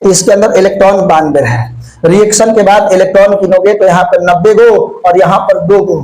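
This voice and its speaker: A man with a high, darkish voice teaches a physics exam-prep class at a normal pace, chatting in a folksy way and answering his own questions. The recording quality is low, made in a lit classroom with insects flying around.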